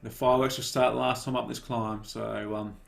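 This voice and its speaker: A man giving relaxed, casual live commentary on a cycling race and cheering riders on by name. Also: medium pitch, normal speed, vocal fry.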